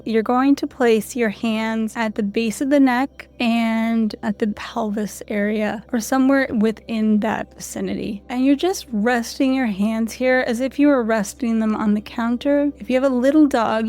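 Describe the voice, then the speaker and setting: A woman's voice: on the high side, faint music behind. Soothing woman guiding a lesson. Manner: calm, soothing, unhurried instructions. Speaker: canine rehab instructor. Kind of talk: guided audio lesson.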